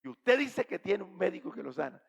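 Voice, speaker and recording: A woman's voice: lowish voice, very animated, brisk, gravelly, breathy edge, voice pushed up, heavily acted. A man putting on a stubborn rich old lady. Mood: proud. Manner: firm refusals, rising to shouts.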